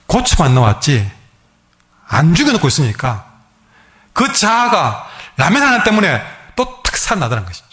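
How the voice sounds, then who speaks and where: A male pastor with a Gyeongsang accent, preaching a sermon as a lively storyteller who acts out the people in his stories. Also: fairly high pitch. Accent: Gyeongsang Korean. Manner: lively storyteller, acting out quoted dialogue.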